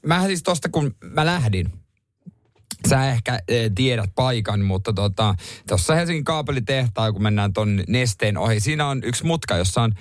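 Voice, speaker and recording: A man hosting a morning radio show, telling a story in a casual, animated way. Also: no room sound, clean studio sound. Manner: animated storytelling, swings pitch up when retelling. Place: radio studio. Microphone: studio microphone.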